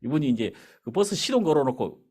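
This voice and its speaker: A man's voice: medium pitch, quick pace. A male pastor preaching in a church, telling a story with acted-out dialogue. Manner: animated storyteller acting out dialogue. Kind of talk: sermon with storytelling. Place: church sanctuary.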